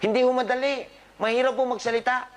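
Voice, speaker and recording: A man's voice: very high voice, steady tone, fast. A man, a doctor, giving a live talk to patients, scolding them with humor and quizzing the audience. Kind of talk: live motivational health talk.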